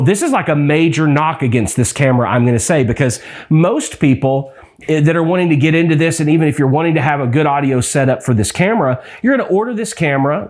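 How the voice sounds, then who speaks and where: A man vlogging a camera review, talking casually and rambling with frustration. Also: on the high side. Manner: frustrated, rambling, animated explaining.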